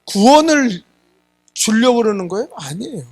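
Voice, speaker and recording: A man's voice: high-pitched, big pitch swings, moderate pace. A middle-aged man preaching a Sunday sermon, emphatic, often prodding the congregation with a questioning "eh?" and acting out quoted voices. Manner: emphatic, keeps asking the congregation "예?"; acts out quoted voices in dialogue. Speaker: pastor.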